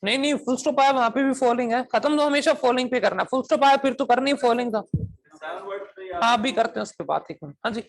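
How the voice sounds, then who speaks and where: Speaking fast in a very high-pitched voice with vocal fry, a man runs a coaching class. He constantly asks students if they understand, fires questions at them, and moves between Hindi and English demonstration phrases.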